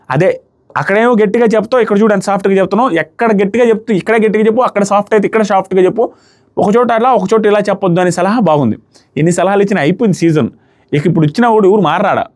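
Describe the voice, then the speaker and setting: A man giving a casual, emphatic review of a reality show episode, retelling scenes in quoted lines. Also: high-pitched.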